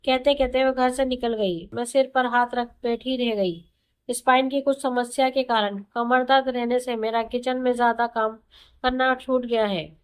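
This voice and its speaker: Woman reading a first-person story aloud, calm and chatty, voice sits a bit high. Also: normal speed, clear, resonant tone.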